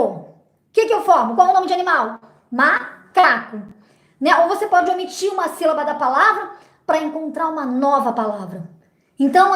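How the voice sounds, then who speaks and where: A middle-aged woman, a literacy teacher, explains classroom phonics games in a patient, didactic way, often pausing with little checking words. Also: high voice, reverberant. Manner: didactic, frequent "né?" and "então" fillers.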